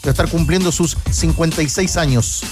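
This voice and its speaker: A man, a sports radio panelist, talking in a relaxed, friendly way. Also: fairly high pitch, a little fast, music in the background. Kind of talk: casual panel chat.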